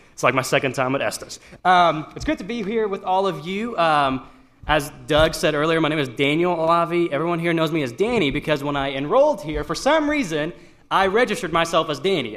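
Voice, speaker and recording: A man's voice: on the high side, fairly bright tone. A young man from Iran giving a casual, self-deprecating devotional talk to a youth group, with frequent fillers and restarts. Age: young adult. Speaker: student speaker at a youth gathering.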